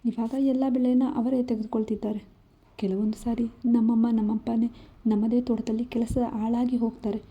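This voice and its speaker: A woman's voice: a little high, little pitch movement, moderate pace, warm tone, husky, muffled recording. A woman voicing a hurt young wife. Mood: hurt, earnest. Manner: pleading, earnest storytelling.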